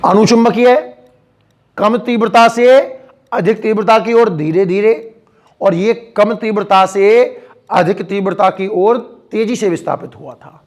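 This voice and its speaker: A man's voice: high-pitched, unhurried. A man teaching a physics lesson to students, often asking them questions and reassuring them as he explains from the board. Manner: addresses students directly with frequent questions and encouragement. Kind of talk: classroom physics lecture. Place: school classroom with a board.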